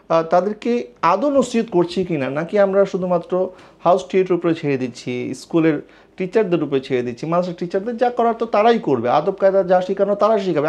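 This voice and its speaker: A man's voice: sits high, darkish tone. A man preaching an Islamic sermon in an earnest, admonishing way, asking rhetorical questions. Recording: dull lo-fi recording.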